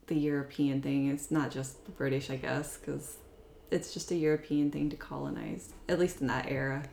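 A woman's voice: sits low, little pitch movement, normal speed, creaky, warm tone. A woman co-hosting a podcast in casual chat, dry and sarcastic, steering the conversation. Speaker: podcast co-host. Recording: echoey room with faint noise.

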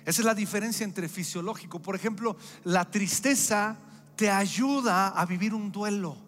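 A middle-aged man preaches in a strikingly high voice. He hammers his points home with emphatic, repeated phrases. His words ring out in a reverberant church hall over faint music. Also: moderate pace, a bit bright. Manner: emphatic, repetitive preaching cadence. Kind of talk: sermon.

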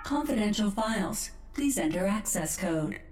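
A woman voicing a stern female security computer intelligence that gives flat, clipped machine announcements. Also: medium pitch, moderate pace, music in the background, natural voice. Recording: roomy echo, voice heard from far off.

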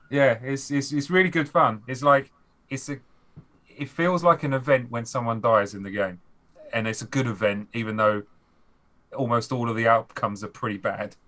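A man's voice: medium pitch, steady tone, normal speed, fairly bright tone. A man, a game designer guest on a podcast, talking animatedly and acting out players' reactions. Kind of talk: podcast conversation.

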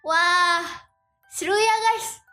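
A woman's voice: very high-pitched, very slow, pushed and bright, roomy sound, faint music behind. A young woman hosting a casual livestream, chatting with viewers and greeting them in a sing-song way. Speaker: livestream host.

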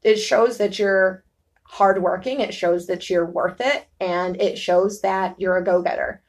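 A young actress from New York state chats as a guest on a podcast, emphatic and bubbly and laughing often. Her mid-range voice stays fairly even in intonation, and she speaks a little slowly.

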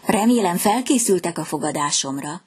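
A woman's voice: lowish voice, animated, a little mellow, breathy edge. A woman voicing a fussy little swallow. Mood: proud. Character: chatty fickle young male swallow.

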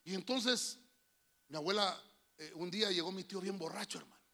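A man preaching as a pastor with a Honduran accent, telling folksy family stories and calling the listener "hermano", building to shouted preaching. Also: high voice, fairly quick. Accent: Honduran Spanish. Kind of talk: sermon with personal anecdotes. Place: church.

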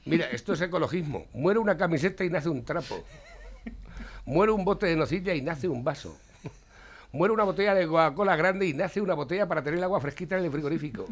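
A man's voice: on the high side, animated, fast. A man hosting a radio chat show, reading listener messages aloud and cracking jokes at which he laughs himself. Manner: affable, reads listener messages, jokey, laughs at own jokes. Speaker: radio station host.

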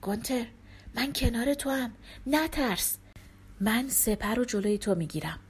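A woman's voice: high voice, big pitch swings. A woman voicing a bold young hero. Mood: earnest.

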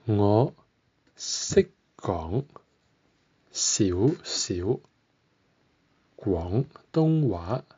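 A man's voice: lowish voice, big pitch swings, very slow, pauses often, dark tone, slightly rough. A man teaching a podcast language lesson, carefully modelling each phrase and repeating it.

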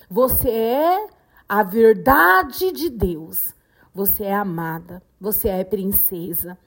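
A woman hosting a devotional podcast, preaching in a slow, fervent way with emphatic repetition. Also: sits high. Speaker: podcast host, devotional speaker. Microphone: podcast microphone.

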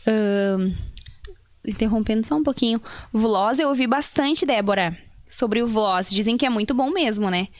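A woman's voice: on the high side, moderate pace, no room sound. A woman, a salon colorist explaining toner choices to viewers in a live Q&A. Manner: explanatory, tutorial-like, addresses viewers.

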